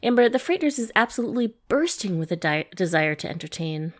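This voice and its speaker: A woman co-hosting a relaxed podcast conversation. She is chatty and agreeable and often chimes in with quick yeses. Her sentences ramble and restart the way people do in casual talk. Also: medium pitch. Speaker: podcast co-host. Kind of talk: casual chat.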